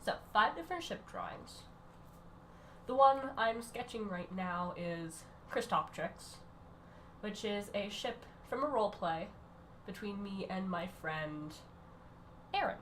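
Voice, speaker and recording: A woman who is sick, giving a casual rambling voice-over that keeps breaking off and restarting in quick bursts. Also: medium pitch, expressive, fairly bright tone, slight background noise. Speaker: art channel creator.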